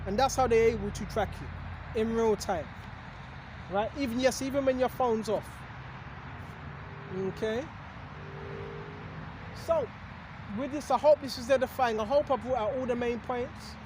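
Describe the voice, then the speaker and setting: Man, very high voice, rambling street preacher, rhetorical questions, faint traffic behind. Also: a little slow, pauses often. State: has hiccups. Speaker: religious video host. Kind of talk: casual preaching monologue.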